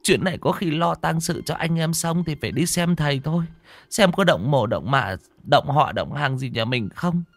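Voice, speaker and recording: A man voicing a middle-aged woman who gently comforts her grieving sister. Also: a little high, animated, moderate pace, no echo, pitched above the performer's own voice. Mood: soothing. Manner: soothing, coaxing.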